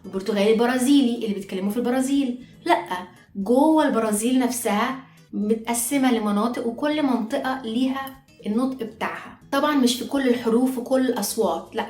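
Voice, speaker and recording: Here the voice is on the high side, quick and slightly mellow: a woman teaching Portuguese online with an Egyptian Arabic accent. She takes pronunciation one step at a time, repeating every example word, while faint music plays in an echoey room.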